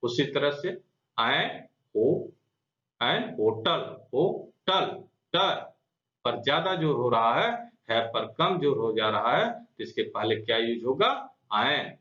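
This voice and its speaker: A man's voice: medium pitch, expressive, a little slow, a bit bright. A man teaching a grammar lesson. He asks the class questions, answers them himself and repeats the key words. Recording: roomy, dull lo-fi sound.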